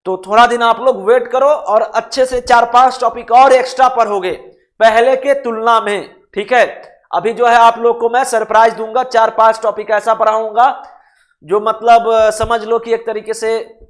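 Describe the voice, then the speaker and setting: A man's voice: very high-pitched, steady tone, unhurried. A man teaching reasoning in a casual live online lesson, often checking "okay?" and spelling words out letter by letter. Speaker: online exam-prep teacher.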